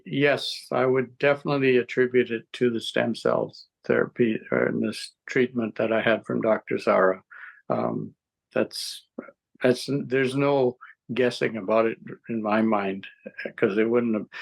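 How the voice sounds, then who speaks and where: A man in his seventies giving a rambling, halting interview testimonial, with frequent restarts and chuckles. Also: medium pitch, steady tone, gravelly, rough recording. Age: 70s. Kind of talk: casual interview answers.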